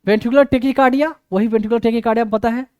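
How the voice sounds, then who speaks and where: A man's voice: extremely high pitch, steady tone, racing, darkish tone, clean tone, dry recording, studio quality. A man lecturing on medicine, repeating his points for emphasis and often checking that students follow. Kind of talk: classroom explanation.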